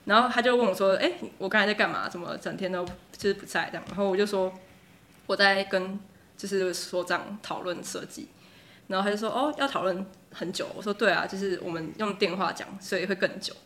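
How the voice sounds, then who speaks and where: A woman's voice: medium pitch, fairly quick, fairly bright tone. A young woman with a Taiwanese Mandarin accent, co-hosting a casual chat podcast and telling stories in a chatty way, laughing often. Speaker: podcast co-host.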